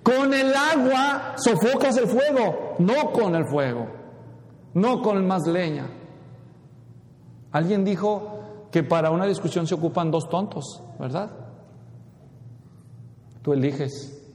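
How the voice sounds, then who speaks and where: Pastor preaching, high voice, long church reverb, asks the room questions. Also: male voice, slow pace, pauses often. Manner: asks the congregation questions, varies his pace widely. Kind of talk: sermon. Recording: echoey hall with long reverb.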